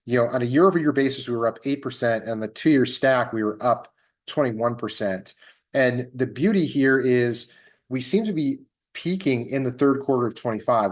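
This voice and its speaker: A male host with a medium-pitched voice presents a market update. His delivery is measured and analyst-like, in a business tone that emphasizes the figures.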